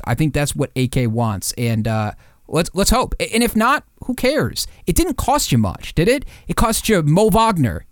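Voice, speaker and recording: A man with a voice on the high side co-hosts a sports podcast, talking in a casual, slangy, emphatic way full of rhetorical questions. The sound is clean studio audio with no room echo.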